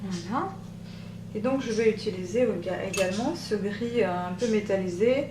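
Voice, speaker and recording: Soft-voiced woman chatting through a makeup tutorial. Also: mid-range voice, far from the mic. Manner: chatty, hesitant with many pauses. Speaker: beauty vlogger. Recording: roomy echo, off-mic, machine hum. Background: machine hum.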